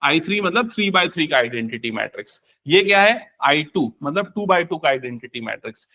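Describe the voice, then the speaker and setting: Brisk, bright-voiced male maths teacher. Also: on the high side, animated. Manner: questioning, answers his own questions, mixes English into Hindi. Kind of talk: live classroom lesson.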